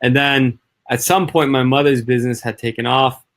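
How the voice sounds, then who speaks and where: A chatty man from the northeastern United States tells stories in a relaxed guest conversation. His voice sits in an ordinary middle pitch, and he talks quickly, peppering his speech with "like" and "you know.". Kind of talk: casual conversation.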